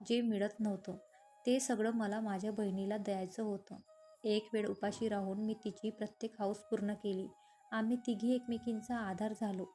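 A woman's voice: medium pitch, mellow, close to an everyday voice. A woman voicing a proud, strong-willed young woman from a poor family, hurt and defiant in a narrated romance story.

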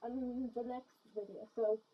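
A woman's voice: on the high side, fairly even intonation, unhurried, dull audio. A woman chatting casually in a vlog while wearing a gas mask, rambling and giggly with many ums and restarts. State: talking through a gas mask. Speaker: vlogger.

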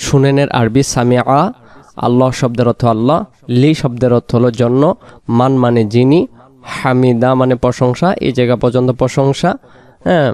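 A man teaching prayer pronunciation, spelling out sounds letter by letter and drawing out example phrases slowly. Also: mid-range voice, fairly even intonation, a little mellow, clear, resonant tone. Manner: drawn-out slow chanting of example phrases; explains letter by letter, patient. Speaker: religious teacher. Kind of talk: pronunciation lesson.

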